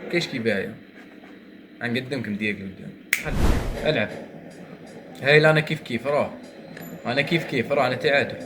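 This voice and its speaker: A young Algerian man rattles through his gameplay at a rapid clip, muttering and then shouting as his luck turns. His voice sits at a middling pitch. Steady background noise runs under the recording. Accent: Algerian Arabic. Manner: excitable, muttering to himself, swings from grumbling to shouting. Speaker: gaming streamer. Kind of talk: gameplay commentary.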